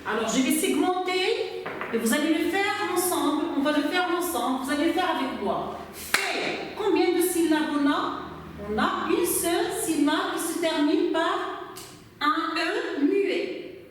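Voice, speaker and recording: A woman teaching a primary school spelling lesson, speaking slowly and deliberately as she claps out syllables. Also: very high-pitched, lively intonation, noisy background. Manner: slow, deliberate, clapping out syllables. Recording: very echoey room from far off.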